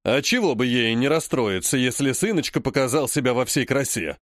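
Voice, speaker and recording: A man voicing a grumbling old grandfather, the head of a noble clan, who speaks slowly and scolds. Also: medium pitch, animated, no room sound, studio quality, close to an everyday voice. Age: over 60. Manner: slow, grumpy, scolding.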